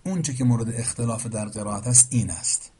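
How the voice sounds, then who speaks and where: A man explaining Quranic reading variants in a formal, patient lecture, reciting verses and often trailing off quietly at the end of phrases. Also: medium pitch, slightly rough. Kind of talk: explanatory lecture answering a question.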